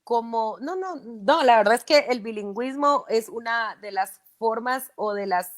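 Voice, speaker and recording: A woman's voice: fairly high pitch, unhurried. A speech therapist, a woman, explaining patiently in an interview and often checking "¿verdad?". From Guatemala.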